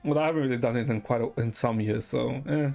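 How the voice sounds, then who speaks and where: Talking quickly with vocal fry, this live streamer meanders through hesitant, casual chat, tacking "right?" onto lines and cursing now and then. The mid-range voice has a darkish tone, and faint music plays in the background.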